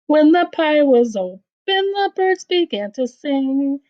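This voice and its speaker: A female teacher reads a story aloud to children, very animated and higher-pitched, with deliberate, sing-song phrasing. The lo-fi recording sounds dull and slightly muffled.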